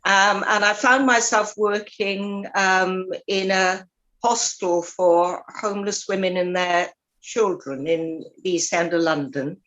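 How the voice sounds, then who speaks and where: An older woman from Swansea, a retired minister chatting as a podcast guest, speaking thoughtfully with many pauses and restarts. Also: mid-range voice, steady tone, a bit bright, highs cut off. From Swansea, South Wales. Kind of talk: casual interview chat.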